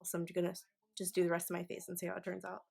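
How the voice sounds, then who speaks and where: Tipsy young woman, low creaky voice. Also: completely flat delivery, very fast, warm tone. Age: 20s. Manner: tipsy, casual drunk-tutorial delivery; informal, sweary, effusive slang. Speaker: beauty vlogger. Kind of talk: casual makeup tutorial chat to camera.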